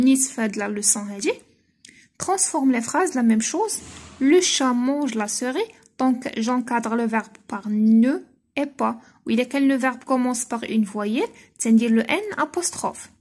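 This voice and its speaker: Moroccan woman teacher, high husky voice, slow patient explanations. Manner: slow, deliberate teacher talk, mixing French with Moroccan Arabic. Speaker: primary school teacher. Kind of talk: explaining grammar exercises.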